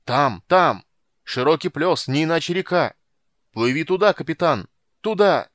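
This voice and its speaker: A man voicing an excited male sailor yelling from the bow of a boat. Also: a little high, unhurried, dry recording, clean studio sound, pitched above the performer's own voice. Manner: yelling eagerly.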